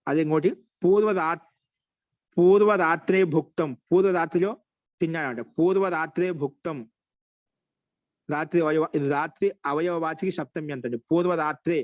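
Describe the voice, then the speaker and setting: A man teaching Sanskrit grammar in an online class, explaining in short phrases and repeating each example slowly. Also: fairly high pitch, a little mellow, no room sound, poor audio.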